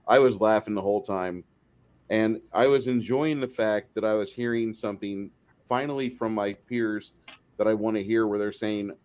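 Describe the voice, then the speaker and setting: A man with a low voice jumps into a panel discussion, stammering as he starts his point. He speaks bluntly and emphatically, with a profane edge, in casual conversation. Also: steady tone, normal speed, darkish tone.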